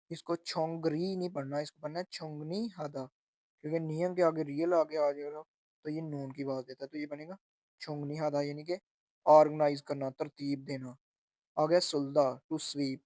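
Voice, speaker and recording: A man's voice: fairly high pitch, a little mellow, no echo. Man teaching vocabulary in a dry room. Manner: slow and repetitive, spelling out sounds and meanings. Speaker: language teacher. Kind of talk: explaining vocabulary from a textbook.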